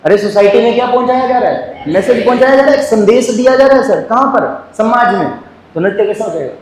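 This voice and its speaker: A man teaching a class in a lively, joking way, firing questions at the students and answering them himself. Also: extremely high pitch, fast talker, reverberant, slight background noise, rough recording.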